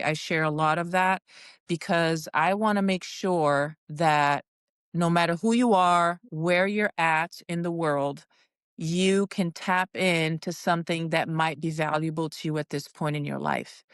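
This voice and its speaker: Her deep, smooth voice is recorded with clean studio sound and no room sound. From Brazil and a native Portuguese speaker, the middle-aged woman is a podcast guest and wellness coach who talks in a casual, encouraging way, often saying um.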